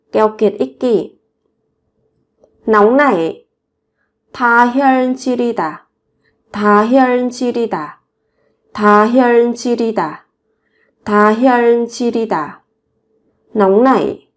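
A woman with a fairly high voice leads a vocabulary drill. She repeats each word slowly and clearly, then explains what it means. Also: a little mellow. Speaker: Korean vocabulary teacher. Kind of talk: slow vocabulary drill with repetition.

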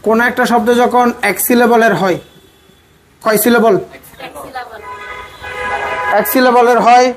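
A teacher giving an exam coaching grammar lecture, often asking the class questions and then answering them. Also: mid-range voice. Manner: casual, speaks to students as "tumi".

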